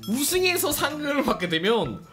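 A man's voice: extremely high pitch, big pitch swings, normal speed, bright, forceful tone, faint music behind. A young man hosting a livestream interview, asking polite but teasing questions into a close microphone. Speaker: event host and interviewer.

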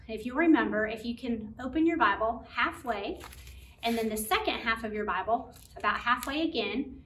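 A woman leads a children's Bible lesson in a gentle, encouraging way, talking to the kids as friends. Her voice sits a little high. She is recorded from a bit off the mic, with a faint hiss behind her. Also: roomy sound, distant mic. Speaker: children's ministry teacher.

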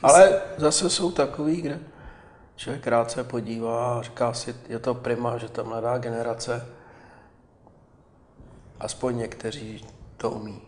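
A man's voice: mid-range voice, long pauses. Older man, chatty, in a roomy space. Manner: animated, chatty, with hesitations. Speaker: film director, guest. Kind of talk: interview conversation.

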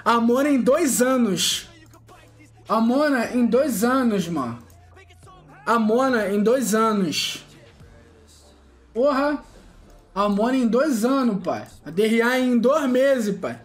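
This streamer's voice is extremely high and lively in intonation, yet he speaks slowly with long pauses as faint music plays behind him. Excitedly narrating his gacha pulls, he taunts and brags, stretches out chanted catchphrases, and erupts in loud shouts and laughter at good luck.

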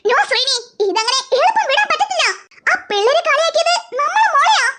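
A woman's voice: very high voice, sing-song, fairly quick, sharp tone. A woman as a fussy doting cartoon mom. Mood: doting, indignant. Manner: fussy and protective. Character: doting, indignant young mother.

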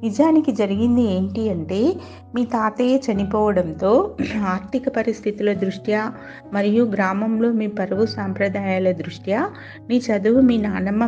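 A calm young woman friend who explains things patiently in a storybook audio tale, voiced by a woman narrator. She speaks at a mid pitch with faint music behind. The recording is a little dull. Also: close to an everyday voice.

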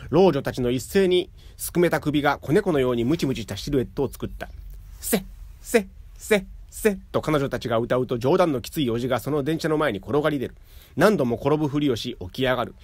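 A man reading literary fiction aloud in a calm, measured way. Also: mid-range voice, dry recording. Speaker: narrator.

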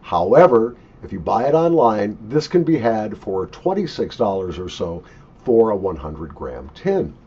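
An older man talks through a casual review with lots of swing in his pitch. His voice is husky and emphatic, and he sounds opinionated. The recording is a dull webcam capture from a home office desk. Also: sing-song, a little slow, warm tone. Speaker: pipe tobacco reviewer. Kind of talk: casual unscripted product review. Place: small cluttered home office, indoors.

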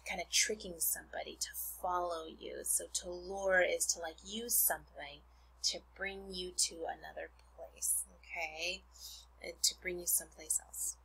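A woman teacher giving a read-aloud lesson for children, carefully pronouncing and explaining words in a breathy voice. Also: lowish voice, sharp tone, slight background noise, poor audio. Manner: deliberate, careful word-by-word pronouncing and defining. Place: indoors at a desk, screencast over book and worksheets.

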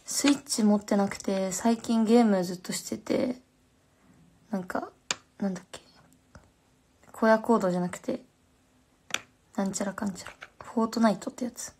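A woman's voice: mid-range voice, fairly even intonation, moderate pace, pauses often, dark tone, slight background noise. A young woman with a Fukuoka accent chatting casually on a phone livestream, slangy and answering viewer comments. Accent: Fukuoka Japanese.

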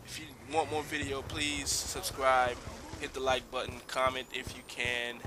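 A man's voice: mid-range voice, steady tone, fairly quick, a crowd in the background. A young man casually commenting on his own game footage as a channel host, laid-back, swearing freely and calling everyone "man". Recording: noisy homemade recording with hiss.

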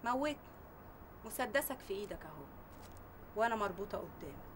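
A woman's voice: mid-range voice, expressive, fairly quick, heavy background noise, natural voice. An actress playing a defiant young woman held captive, speaking with an Egyptian accent, bitter and unbowed. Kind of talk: TV drama acting.

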